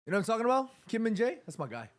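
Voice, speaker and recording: A man in his thirties hosting a live football watchalong stream, chatting casually, reading viewer messages aloud and getting excited during attacking moves. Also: extremely high pitch, rapid-fire. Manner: chatty, reads viewer chat aloud between play calls.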